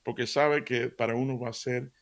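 A man's voice: medium pitch, normal speed, gravelly. A middle-aged man giving a radio devotional sermon, telling stories animatedly and acting out the dialogue. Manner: animated storytelling with laughs and voiced dialogue. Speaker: radio preacher.

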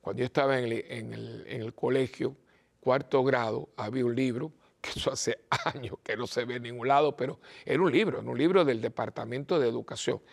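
Older man, priest, from Cuba, gravelly voice, mid-pitched, preaching, rhetorical questions. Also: a little fast. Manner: peppers talk with rhetorical questions; earnest, scolding, with hesitant fillers. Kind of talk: preaching talk.

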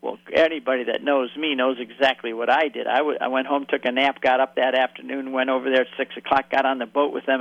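A man telling vivid, lively stories as a guest on a radio interview. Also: medium pitch, no echo, dull audio. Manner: lively, vivid anecdotal storyteller.

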